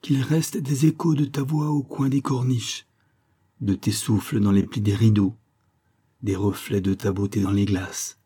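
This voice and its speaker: A man's voice: on the low side, fairly even intonation, measured pace, dark tone, husky. A man voicing a feverish dying poet who passionately implores his lover in an audiobook story. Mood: pleading. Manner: impassioned, imploring.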